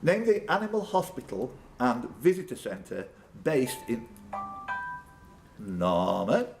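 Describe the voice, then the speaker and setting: Music plays behind this pub quiz host, whose mid-range voice is animated yet slow, with some vocal fry. Indoors amid pub room noise, he reads questions out and follows them with spontaneous, jokey exchanges with the contestants.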